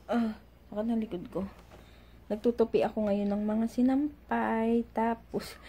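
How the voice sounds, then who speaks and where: Mom vlogger at home, mellow voice, chatty and giggly, casual storytelling. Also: female voice, mid-range voice, slight background noise. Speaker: vlogger and mother. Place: at home doing chores.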